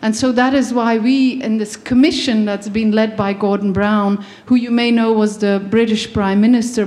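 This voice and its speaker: Earnest woman from Belgium, mellow voice. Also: mid-range voice. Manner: earnest, many ums and restarts. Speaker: guest speaker. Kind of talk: faith-based talk on education.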